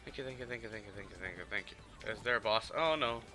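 A man giving excitable play-by-play commentary over a video game, repeating words when he panics. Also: lowish voice, very fast, soft background music. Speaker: gamer.

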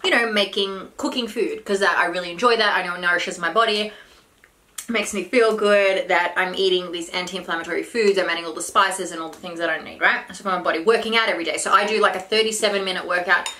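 A woman's voice: on the low side, fairly even intonation, fast talker, sharp tone. A woman in her thirties chatting casually and giving health advice while eating at a table. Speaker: vlog host and health coach. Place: small room indoors at a table. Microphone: camera a short distance away. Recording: background noise, clinking cutlery and bowls.

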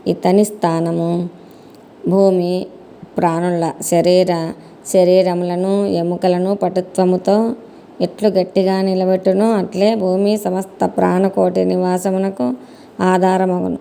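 Woman, devotional storyteller, reverent and gentle, dark warm tone, unhurried. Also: fairly low pitch, little pitch movement, creaky, slight background noise.

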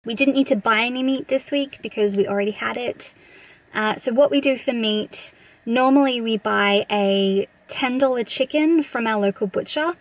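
A fairly high-voiced Australian woman in her thirties talks through her weekly groceries, chatty and matter-of-fact. She sits in a car facing a dashboard camera. The sound is dry and close, with no room echo. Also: normal speed. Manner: chatty, thrifty, matter-of-fact price rundown. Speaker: vlogger. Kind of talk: casual grocery haul vlog. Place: inside a parked car.

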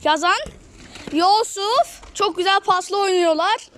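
A child with a very high, bright voice calls a football game as a screaming commentator. The calls are drawn out and repeat players' names, over a faintly noisy amateur pitch-side recording. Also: unhurried. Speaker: match commentator. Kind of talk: excited football match commentary, shouted at goals.

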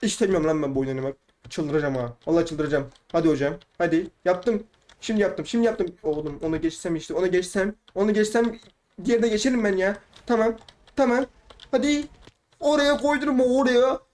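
A man giving live gameplay commentary, ranting in frustration at the game and repeating words in quick bursts. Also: fairly high pitch, a little mellow. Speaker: gaming YouTuber.

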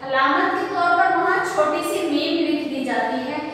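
A woman teaching Quran recitation, reciting slowly and patiently explaining each rule, asking and answering her own questions. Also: high-pitched, fairly bright tone. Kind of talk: recorded online class lesson. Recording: very echoey hall, faint background noise.

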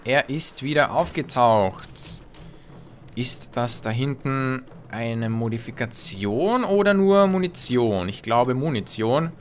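A man's voice: medium pitch, animated, slow pace, a little hiss or hum. A man giving joking, playful commentary on a shooter game, talking to the enemies and to his teammates. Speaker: let's play host. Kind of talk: gameplay commentary.

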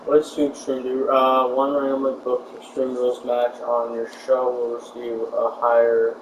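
A man's voice: medium pitch, monotone, moderate pace. A man hosting a gameplay session, chatting casually and thinking aloud with lots of hesitations. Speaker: gameplay host. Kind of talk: casual gaming chat. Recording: echoey room from far off, noisy.

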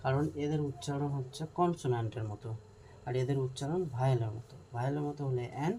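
Dark-voiced teacher spelling words aloud. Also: mid-range voice, fast talker, a little hiss or hum, rough recording. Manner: explains step by step, spells words letter by letter, asks checking questions. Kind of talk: classroom grammar lesson.

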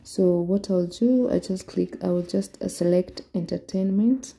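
A Kenyan woman vlogger with a lowish, mellow voice and some vocal fry walks viewers through an online form in a screen-recorded tutorial. She explains slowly, one step at a time.

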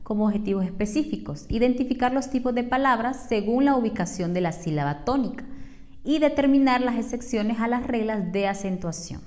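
A woman from Honduras teaching a scripted lesson, speaking slowly and clearly and listing examples one by one. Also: a little high, animated, darkish tone.

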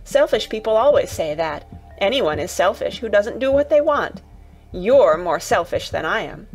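A woman voicing a stubborn, sour-tempered young girl in a storybook reading, with fierce, sharp retorts. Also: medium pitch, big pitch swings, moderate pace, soft background music, rough recording. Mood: scornful.

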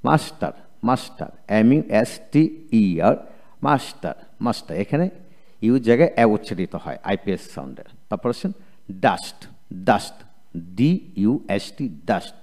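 A man's voice: mid-range voice, a little mellow. A man with a Bengali accent teaching English spelling in a video lecture, drilling each word letter by letter and repeating it. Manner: slow, repetitive letter-by-letter drilling.

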